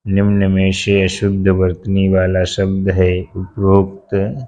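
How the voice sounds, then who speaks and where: A low-pitched man works through exam questions at an unhurried pace and repeats each answer to make sure it sticks. His tone is dark and mellow, with almost no rise or fall in his voice. The recording is dull and lo-fi. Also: completely flat delivery. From India. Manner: slow and methodical, repeats each answer word for word. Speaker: teacher. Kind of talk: exam-prep lesson, reading out questions and answers.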